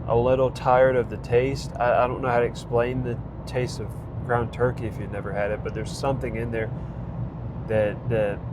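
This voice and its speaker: A man's mid-range voice comes across flat and moderately paced as he delivers a casual vlog update on his training program. He sounds congested and rambles, with many fillers and restarts, and the outdoor recording is noisy.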